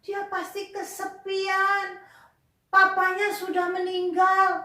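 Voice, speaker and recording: A woman teaching a Sunday school lesson to children, gentle and coaxing, asking them questions and sighing with sympathy. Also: very high voice, completely flat delivery, slow. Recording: echoey room with faint music.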